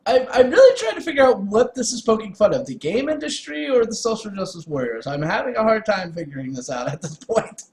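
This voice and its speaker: Casual let's-play commentator: animated, amused sarcasm, swearing, roomy echo. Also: medium pitch, a little fast, hardly any pauses, slight background noise. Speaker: gamer commentator. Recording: echoey room.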